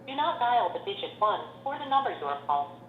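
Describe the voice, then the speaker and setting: A woman's voice: on the high side, big pitch swings, fast, reverberant. Recorded phone message, woman, polite and formal, played through a tinny speakerphone with faint hiss. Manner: polite, formal, repetitive phrasing. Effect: recorded phone message over speakerphone. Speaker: automated phone operator message. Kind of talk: scripted recorded announcement.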